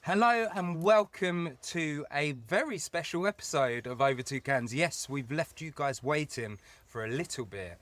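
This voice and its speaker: A man's voice: fairly high pitch, lively intonation, normal speed, hardly any pauses, a bit bright. A man hosting a podcast interview outdoors in the countryside, chatty and upbeat, laughing often. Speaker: podcast host. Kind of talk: casual chat.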